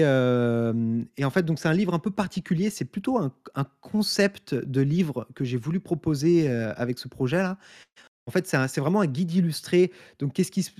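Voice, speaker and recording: A man who is a guest on a podcast, explaining his work casually, steady but with frequent fillers. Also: on the high side, no room sound, studio quality.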